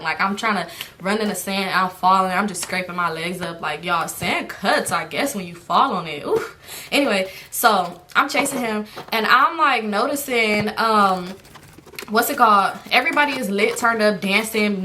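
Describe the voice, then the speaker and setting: A young woman casually telling a storytime, animated and profane, often calling her listeners y'all. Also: medium pitch, slight background noise.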